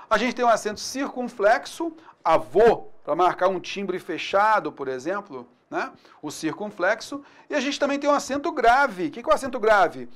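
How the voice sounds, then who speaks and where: A teacher with a Brazilian accent giving a recorded exam-prep grammar lesson over screen slides, casual and upbeat, checking in with the students after nearly every point. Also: mid-range voice. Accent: Brazilian Portuguese.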